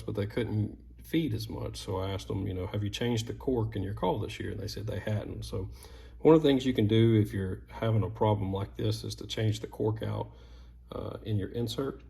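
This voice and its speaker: A man with a low voice and a noticeable creaky fry, talking through a hands-on repair. He explains each step in a plain, folksy way, like a craftsman giving casual instruction. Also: fairly even intonation, normal speed, mellow. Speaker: duck call maker giving repair tips.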